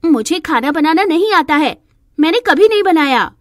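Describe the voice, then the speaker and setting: A woman's voice: very high voice, expressive, moderate pace, dry recording, studio quality, voice pushed up. A woman voicing a spoiled, stubborn young bride who whines and demands. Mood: petulant. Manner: whiny and demanding.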